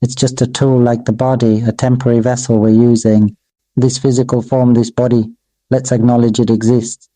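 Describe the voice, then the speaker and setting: A Buddhist monk delivering a dharma sermon in a very dark, mellow voice that stays almost level in pitch. He speaks in slow, measured, repetitive phrases that sound like an incantation. The sound is close and dry, with no room echo. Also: level tone. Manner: addresses his own voice as "Mister Voice".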